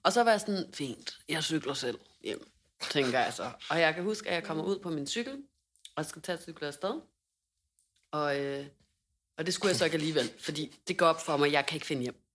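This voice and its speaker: A young woman telling a story in casual podcast chat, animated, with lots of fillers and laughter in her voice. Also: sits low, slight background noise. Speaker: podcast co-host.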